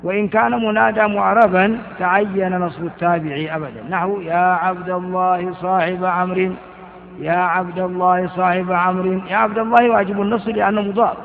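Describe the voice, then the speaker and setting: A man's voice: high-pitched, flat delivery, a little fast. An older man teaching Arabic grammar in a lecture, repeating examples and asking and answering his own questions. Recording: tinny, echoey old lecture recording.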